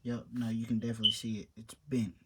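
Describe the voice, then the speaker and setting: A young papercraft hobbyist rambles offhandedly in a casual show-and-tell vlog about his build, trailing off mid-sentence. He talks fast and flatly in a mid-range voice over background noise.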